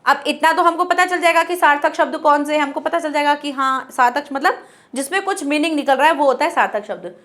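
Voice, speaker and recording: A woman with a high voice teaches a grammar class. She goes through it step by step, asking questions and answering them herself, and says the key terms slowly. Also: fairly bright tone. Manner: explains step by step, asks and answers her own questions. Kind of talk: classroom lesson.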